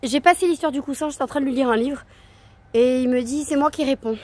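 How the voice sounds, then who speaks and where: A woman's voice: sits high, quick pace, a little mellow. A woman in her thirties, a parenting coach, talking in a casual vlog with many hesitations and restarts, outdoors at night.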